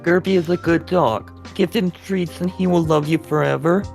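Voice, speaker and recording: A solemn ghostly old mentor from a storybook reading, as a man acts him out, handing down wisdom in slow, weighty proclamations. Soft music sits underneath. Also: on the high side, steady tone, vocal fry.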